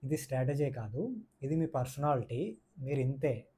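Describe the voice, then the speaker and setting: A man's voice: mid-range voice, expressive, moderate pace, dark tone, slight background noise. A man giving a casual, opinionated review of a reality show, mixing in English words and repeating his points for emphasis. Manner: mixes English words into speech.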